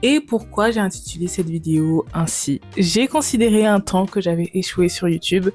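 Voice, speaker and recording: A woman's voice: on the low side, normal speed, darkish tone, soft background music. A woman in her late twenties from France, talking casually to camera in a vlog. She is chatty and playful and drops English words into her talk. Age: 20s. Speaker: YouTuber.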